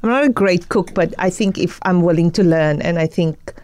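A woman hosting a live radio show in a studio, chatty and excitable, laughing often. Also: on the low side, moderate pace, a little hiss or hum. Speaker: radio talk show host.

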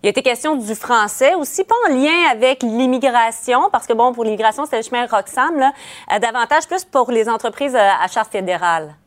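Higher-pitched Quebec French woman interviewer. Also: expressive, a little fast. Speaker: host interviewing a commentator. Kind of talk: conversational news interview.

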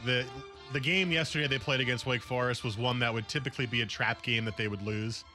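A man's voice: medium pitch, fairly even intonation, quick pace, over music. A man hosting a sports radio show, bantering and teasing his co-host in a playful way. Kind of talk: casual sports radio talk. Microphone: studio mic.

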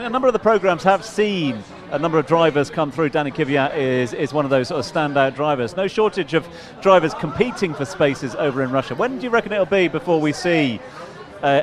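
Man, sports host, live discussion, somewhat high pitch, crowd chatter in background. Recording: clear crowd chatter behind. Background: crowd chatter at a live venue.

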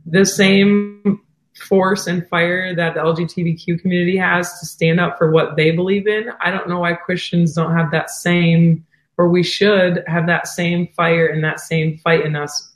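A woman guest who's losing her voice talks earnestly about running a wedding venue, heartfelt and driven by faith, in an interview. Her fairly low voice is flat and measured, in a reverberant, rough recording.

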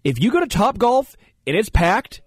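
Guy hosting sports radio, kinda high voice, dry studio mic, tells stories animated. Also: moderate pace, breathy edge, no echo. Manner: animated storytelling, puts on voices. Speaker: radio host. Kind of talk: casual sports radio chat.

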